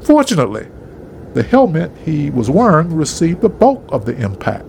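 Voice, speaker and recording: A man reading a story aloud in an expressive, dramatic narration style. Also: on the high side, normal speed, creaky, a little hiss or hum.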